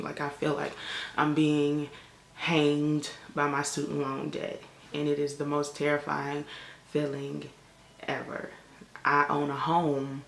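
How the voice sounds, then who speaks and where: Filming a casual talking-to-camera vlog during a family vacation, this twenty-something from Chicago, United States, who is also a college lecturer, chats loosely with plenty of "like" and "um." Her low, gravelly, vocal-fry voice echoes in the room, picked up by the camera in front of her.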